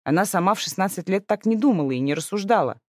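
Animated woman narrating a book. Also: medium pitch, quick pace, no echo, clean studio sound. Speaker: audiobook narrator. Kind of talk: expressive scripted narration.

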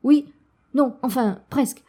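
Une femme qui prête sa voix à un vieil esturgeon, poli, doux et savant, dans un conte lu. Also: female voice, sits high, a little slow, husky. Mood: excited. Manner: polite, gentle, bookish. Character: old kind learned male sturgeon.

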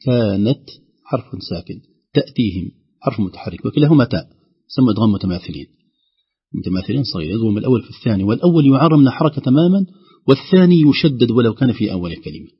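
A man, a Quran recitation teacher, explains reading rules on the radio and slowly demonstrates words aloud. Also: mid-range voice, very animated, slightly rough, dull audio.

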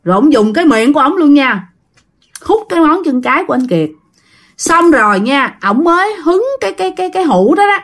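A woman, telling a spooky tale casually. Her voice is high and melodic, and she swoops up and down a lot. She keeps turning to her listeners as she chats. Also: big pitch swings, brisk. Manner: chatty, addresses listeners directly. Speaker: storyteller. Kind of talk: casual ghost-story telling.

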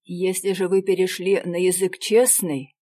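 A woman voicing a proud young gentleman in a storybook reading, indignant and clipped as he scolds. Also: sits high, level tone, a little slow. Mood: stern. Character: stern proud young gentleman, quick to scorn.

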